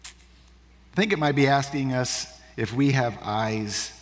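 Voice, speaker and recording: A man pastor preaching a sermon, asking slow, contemplative questions. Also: medium pitch, long reverb tail.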